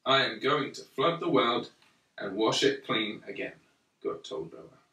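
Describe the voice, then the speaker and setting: A man tells a Bible picture-book story to a young child, reading expressively yet measured and slow, pausing between phrases. His bright voice sits at a typical male pitch, and the distant mic picks up a roomy, echoey sound.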